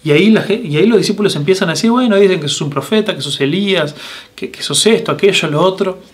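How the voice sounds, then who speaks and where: Earnest Rioplatense pastor, higher voice. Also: male voice, fast. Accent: Rioplatense Spanish. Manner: earnest, asks many direct questions, frequent restarts and fillers. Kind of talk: sermon. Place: church broadcast, recorded for online meeting.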